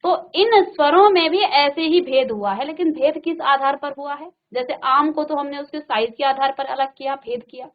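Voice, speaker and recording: A woman's voice: sits high, moderate pace, hardly any pauses, highs cut off. A woman teacher giving a classroom lecture, explaining patiently and repeating her points with simple examples. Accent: Hindi speaker from North India. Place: virtual classroom studio.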